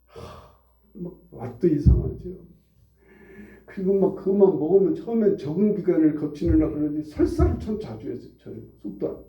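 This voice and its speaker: A pastor in his forties preaching a conversational sermon in a church, swinging between hushed asides and loud, high outbursts. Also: lively intonation, normal speed. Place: church sanctuary. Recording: roomy, distant, dull church recording.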